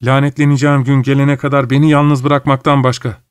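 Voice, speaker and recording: A man's voice: medium pitch, little pitch movement, brisk, clear, resonant tone, no room sound, clean studio sound, lightly acted. A man voicing Kiava, a tormented husband. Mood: despairing. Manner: subdued, grave, despairing. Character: tormented young husband, fearful and remorseful. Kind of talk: audiobook character voice.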